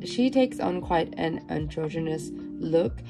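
A woman's voice: low-pitched, expressive, slow, gravelly, music in the background. A young woman with a nasal, stuffed-up voice after being ill, chatting upbeat through a casual manga unboxing vlog. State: nasal from a cold. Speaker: manga vlogger.

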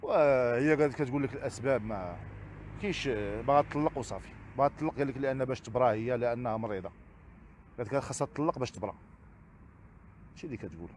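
A man with a Moroccan Arabic accent, answering interview questions as a father, halting and repeating the same phrases. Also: mid-range voice, a little mellow, a little hiss or hum. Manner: repetitive, halting, keeps circling back to set phrases. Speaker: interview guest, father seeking custody.

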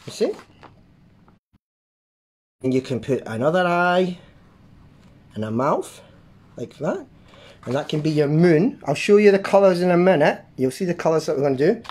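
This is a host leading a drawing lesson for kids. The voice swoops up and down with lots of melody. They pepper the instructions with playful beeps and booms and keep checking that the viewer is following. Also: normal speed, long pauses. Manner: lively, makes playful sound effects while drawing. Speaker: children's art class host.

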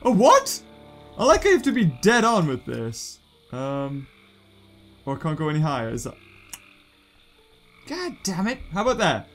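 Casual gaming commentator, young man, British accent, jokey and excitable, high lively voice over quiet music. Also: moderate pace, pauses often. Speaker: gaming YouTuber.

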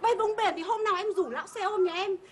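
A woman plays a shrill, theatrical scold in a comedy sketch, her voice very high and fast. Crowd noise and hiss sit under her voice. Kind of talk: comic sketch acting. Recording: noisy recording with crowd.

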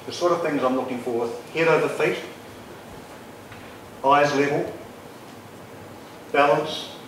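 Older man coaching in an echoey hall. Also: mid-range voice. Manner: relaxed, explanatory, points at slides. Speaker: bowling coach. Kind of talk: workshop presentation. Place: large lecture room with projector. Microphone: lapel mic. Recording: echoey room, distant sound, light noise.

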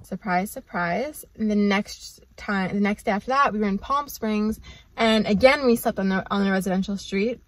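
A woman's voice: medium pitch, moderate pace. A woman, chatting casually to a camera from the seat of her parked car, rambling with lots of "like" and "um". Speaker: vlogger. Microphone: camera on dashboard.

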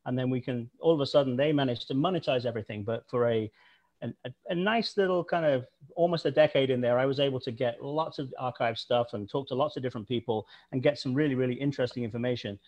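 A man's voice: medium pitch, darkish tone, muffled recording. A man speaking as a guest on a video call, telling history anecdotes in an enthusiastic, storytelling way. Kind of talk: storytelling talk.

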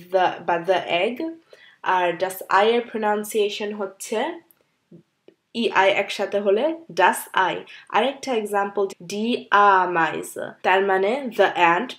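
Woman patiently teaching beginner German. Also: medium pitch. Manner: slow, repeats example words one by one, with fillers. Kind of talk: beginner language lesson.

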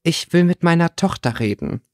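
A man's voice: on the high side, expressive, moderate pace, no echo, clean studio sound, pitched above the performer's own voice. Man doing a sneering, smug stepmother. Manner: sneering, self-assured, honeyed. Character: smug cruel stepmother, middle-aged woman. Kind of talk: audiobook character reading.

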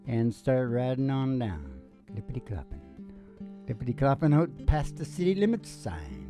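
A middle-aged man hosts a music and comedy show from a small, dim, curtained stage room, talking into a stand microphone. His mid-range, sing-song voice drifts through playful, unhurried, rambling patter full of joking asides, with an acoustic guitar playing behind him.

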